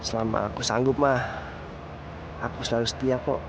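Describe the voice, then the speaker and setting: An actor playing an easygoing, protective young bajaj driver and boyfriend in a comic TV serial. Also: male voice, medium pitch, fairly even intonation, moderate pace, background noise, natural voice. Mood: tender. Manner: casual slangy, protective. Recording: music behind.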